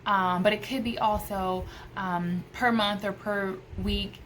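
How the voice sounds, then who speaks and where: A homeschooling mother, American and in her thirties, talks to camera with casual, enthusiastic advice, emphasizing points by repeating phrases. Her mid-range voice is steady, slow, and a bit bright; the low-quality recording from a small room by a window has slight background noise.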